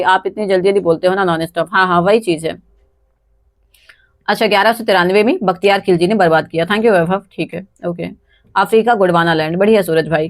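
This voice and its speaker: A woman's voice: lowish voice, dry recording, studio quality. A woman hosting a live quiz lesson, chatty and thanking viewers by name, speaking English with an Indian accent and sounding a little tired. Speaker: quiz host on a live stream. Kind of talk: casual live-stream quiz teaching.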